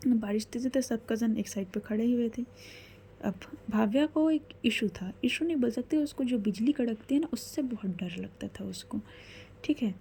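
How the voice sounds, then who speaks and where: A woman's voice: fairly high pitch, normal speed, warm tone, slight background noise. A woman storyteller narrating a story casually, conversational and correcting herself as she goes.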